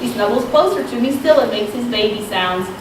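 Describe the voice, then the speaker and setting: Animated and a little fast, her voice sits on the high side as she gives a conversational, self-deprecating talk at a women's retreat, full of ums. She's a Southwest Virginia woman in her thirties with a slight Southern accent. The recording comes from far off in a large echoey room, very echoey and noisy.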